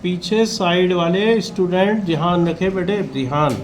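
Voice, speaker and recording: A man teaching in a classroom, calmly coaxing students during a test and calling them by name. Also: high-pitched, unhurried, a little hiss or hum.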